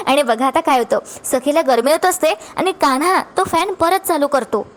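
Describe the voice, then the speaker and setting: High-voiced woman recapping a serial. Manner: lively storyteller, repeats a catchphrase to her friends. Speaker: TV serial episode reviewer. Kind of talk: animated episode recap.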